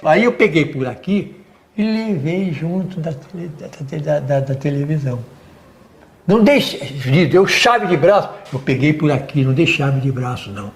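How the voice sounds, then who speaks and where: Emphatic older Brazilian general, lively pitch. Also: male voice, moderate pace. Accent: Brazilian Portuguese. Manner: emphatic, animated, repeats words for stress, acts out quotes. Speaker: retired army general. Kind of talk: TV interview, storytelling.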